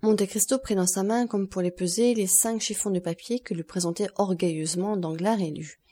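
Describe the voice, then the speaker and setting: Narratrice de livre audio, femme, lecture égale et articulée, voix feutrée. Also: female voice, medium pitch, fairly even intonation, moderate pace, warm tone, breathy edge. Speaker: audiobook reader. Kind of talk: scripted narration of a classic novel.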